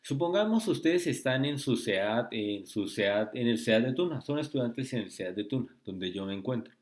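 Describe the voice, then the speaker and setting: A man tutoring logic in a screen-recorded lesson, speaking slowly and often checking with "¿sí?" and "¿listo?". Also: mid-range voice, expressive, a little mellow. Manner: slow, repetitive, asks rhetorical checks.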